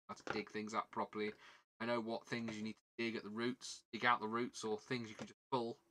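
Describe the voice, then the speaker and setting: Building a model kit on a casual livestream, a southern English host with a southern British accent rambles, jokes at his own expense and keeps repeating words. His voice is fairly low, bright and forceful.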